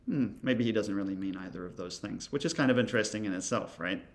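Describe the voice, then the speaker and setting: Gravelly male instructor thinking aloud. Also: fairly low pitch, quick pace. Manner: thinking aloud, many fillers and asides. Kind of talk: casual walkthrough of software.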